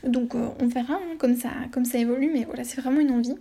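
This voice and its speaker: In a casual solo podcast chat, a woman hosting her own show rambles hesitantly, with many fillers and restarts. Her voice is on the high side, dark in tone and slightly rough, and she talks fast.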